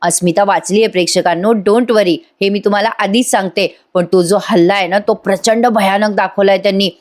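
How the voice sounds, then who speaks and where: A woman's voice: mid-range voice, fairly even intonation, moderate pace. Woman doing a chatty voice-over recap of a tv episode, talks right to the viewers. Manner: chatty, addressing viewers directly. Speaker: TV serial reviewer.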